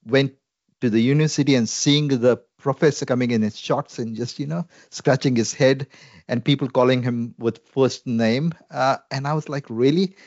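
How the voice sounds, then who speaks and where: A Salvation Army minister from India speaks with an Indian English accent in a conversational interview, earnest and reflective, with frequent fillers. His mid-range voice has a darkish tone, fairly even intonation and a moderate pace, in a dry, dull recording.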